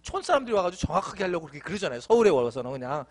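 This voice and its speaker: A man's voice: fairly high pitch, sing-song, rapid-fire. A male pastor preaching a sermon in a church, playful and often laughing.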